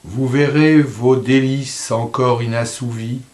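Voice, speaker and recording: A man reciting poetry in a slow, solemn voice, letting line endings drop softly. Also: mid-range voice, fairly even intonation, echoey room. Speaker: poetry reader.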